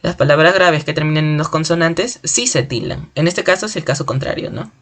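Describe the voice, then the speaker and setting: A teacher giving a spoken grammar lesson in a clear, deliberate way, slowly stretching out example words syllable by syllable. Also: mid-range voice, fairly bright tone. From Peru.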